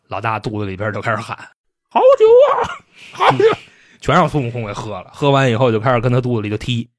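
A man retelling a classic novel comically, in animated, slangy talk with frequent laughs. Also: on the low side. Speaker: storyteller host.

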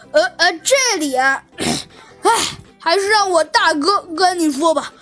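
A woman's voice: very high-pitched, lively intonation, slow, a bit bright, heavily acted. A woman voicing the younger of two python crooks in a children's story, stammering and whiny, with faint music behind. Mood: nervous. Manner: panicky, whiny. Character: second python brother, jittery stammering crook.

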